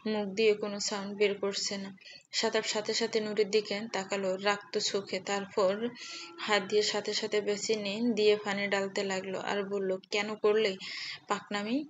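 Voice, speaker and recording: A woman storyteller in a steady, measured scripted audio-story narration. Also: medium pitch. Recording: slightly muffled with faint hiss.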